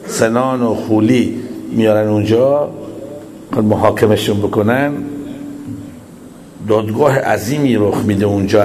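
A man delivers a religious sermon in a reflective, measured way, leaning on rhetorical questions. His voice sits a little low. A faint hiss of background noise lies under the recording. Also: a little mellow, rough recording. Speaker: cleric.

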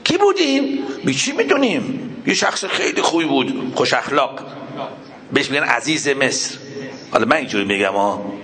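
A male preacher telling a religious story in a sermon, asking the audience questions, acting out the dialogue and dropping to a low murmur. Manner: animated, acts out dialogue in raised voices, then drops to a low murmur; asks the audience questions and answers himself.

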